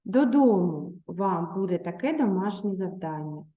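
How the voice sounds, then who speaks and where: A woman teacher speaks in a warm, mellow voice at a middling pitch. She reads a children's tale aloud at an even, patient pace. Then she turns to her pupils with simple questions and instructions. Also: lo-fi sound. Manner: patient, measured, addresses children directly. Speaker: primary school teacher. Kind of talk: reading a story aloud, then a reading lesson.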